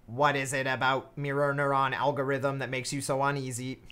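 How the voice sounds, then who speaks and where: A game streamer reading a female android emotion analyst in a deliberately dumb robotic voice. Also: mid-range voice, level tone, fairly bright tone, a little hiss or hum, natural voice. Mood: probing.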